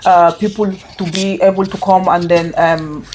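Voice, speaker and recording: A woman's voice: lowish voice, fairly even intonation, darkish tone, a little hiss or hum. Hesitant woman guest, full of fillers. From Spain. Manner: hesitant, many fillers and pauses. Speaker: guest, organization co-founder. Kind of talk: casual interview.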